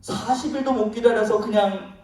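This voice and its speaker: A man preaching a children's sermon in a church sanctuary, telling the story in a lively way and asking the children questions. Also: sits high, normal speed. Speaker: pastor. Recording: very echoey hall, voice from far off.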